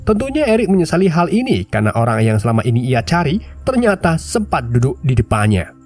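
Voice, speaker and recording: A man recounts a film with lively, casual storytelling, his pitch rolling freely up and down. He sounds nasal and stuffed up from a head cold, and faint music plays underneath.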